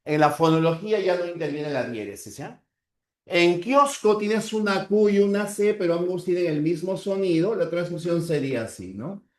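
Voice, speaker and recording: A man lectures a class in a fairly high voice, slowly sounding out each example word and pausing to check that students follow. His voice carries a noticeable room echo, as if recorded in a classroom. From Peru. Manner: slow, drawn-out spelling of example words; checks in with the class with short tags. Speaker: teacher.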